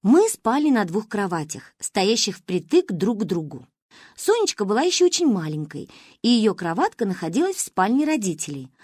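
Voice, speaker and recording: A woman narrating a story in an expressive, playful storybook reading. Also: medium pitch, moderate pace, breathy edge, no echo, studio quality. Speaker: audiobook narrator.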